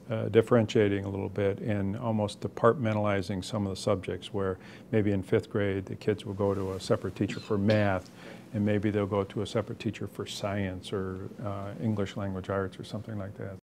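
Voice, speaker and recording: Male educator, low gravelly voice, measured. Guitar behind. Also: level tone, a little mellow, slight background noise. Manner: measured, explanatory. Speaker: elementary school educator. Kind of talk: documentary interview.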